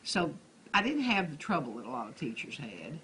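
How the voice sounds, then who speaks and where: A woman's voice: deep voice, sing-song, brisk, a bit bright. An elderly woman with a Texas accent, a retired schoolteacher reminiscing in a rambling, conversational way with restarted phrases. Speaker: retired schoolteacher being interviewed. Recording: noisy room ambience.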